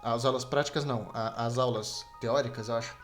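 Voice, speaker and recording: A young adult man with a Brazilian Portuguese accent rambles casually as the solo host of a podcast, slangy and self-deprecating. He speaks at medium pitch, a little fast, with fairly even intonation. Super Nintendo game music plays behind him.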